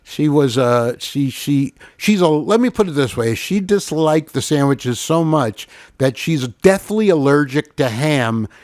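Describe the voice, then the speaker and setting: A man's voice: on the high side, unhurried, hardly any pauses, no room sound, clean studio sound. A man co-hosting a comedy show, cracking jokes and telling stories in casual banter. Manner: jokey, animated storytelling.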